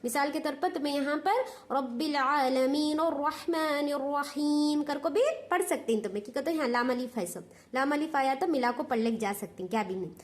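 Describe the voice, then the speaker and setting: A woman with a high voice and a Hyderabadi Urdu accent teaches Quran recitation. She explains step by step, patient and repetitive, and keeps checking that her students follow. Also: brisk. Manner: patient, repetitive, asks "understood?".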